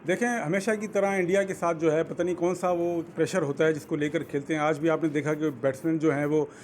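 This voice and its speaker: A man with a Pakistani accent speaks as a cricket analyst, disappointed and pausing often. His voice sits a little high. Faint background noise runs beneath it. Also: fairly even intonation, a little mellow. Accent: Pakistani Urdu. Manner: disappointed, hesitant. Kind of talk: studio panel talk.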